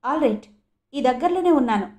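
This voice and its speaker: A woman voicing a brisk male police sub-inspector asking probing questions in a storybook reading. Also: high voice, expressive, a little mellow, echoey room.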